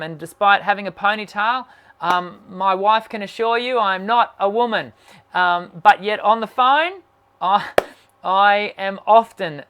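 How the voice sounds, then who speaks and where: Hosting a relaxed live stream, this male singing teacher muses to himself and reads viewers' comments and questions aloud, full of fillers and restarts. His naturally high voice comes across smooth and a bit bright.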